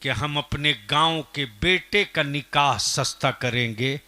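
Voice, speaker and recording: A man preaching a fiery sermon at a public gathering, asking the crowd questions and swinging up to shouting. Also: a little high, unhurried. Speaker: Islamic preacher. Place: outdoor religious gathering.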